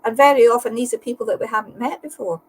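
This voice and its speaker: A woman's voice: a little high, quick pace, slight background noise, rough recording. A woman who is a guest on a casual video-call chat, talking earnestly and repeating words as she builds her point. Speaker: guest, paranormal team leader. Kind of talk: casual live-stream chat.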